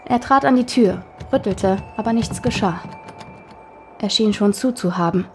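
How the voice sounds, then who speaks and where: A woman's voice: medium pitch, a little mellow, slight background noise. German woman telling a spooky story. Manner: measured storytelling. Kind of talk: scripted story narration.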